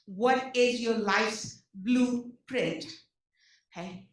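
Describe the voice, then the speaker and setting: A woman presenting for a nonprofit speaks with an Indian accent, a fairly high pitch and drawn-out words as she energetically addresses service providers. Her talk is full of rhetorical questions and "okay?" check-ins, and she's far from the mic in an echoey meeting hall.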